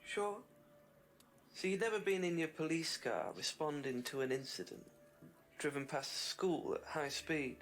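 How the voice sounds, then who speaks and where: A cynical, needling suspect. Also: male voice, fairly high pitch, normal speed, fairly bright tone. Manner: dry, needling, philosophical. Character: cool, cynical male suspect. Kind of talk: live-action video game acting.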